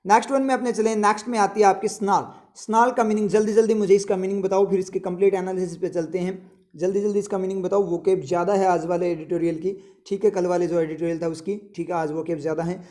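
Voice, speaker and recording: Guy teaching vocab, high but mellow voice, chatty, keeps quizzing you. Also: steady tone. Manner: chatty, quizzes viewers, repeats words slowly to explain. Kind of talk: casual spoken lesson.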